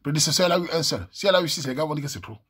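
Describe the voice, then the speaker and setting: Accent camerounais, homme, lecture de messages commentée, voix rauque. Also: male voice, on the high side, expressive, rapid-fire, fairly bright tone, slightly rough. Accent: Cameroonian French. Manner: joking, chatty, talks to viewers as little brother. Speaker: vlogger. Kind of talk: reading messages aloud with commentary.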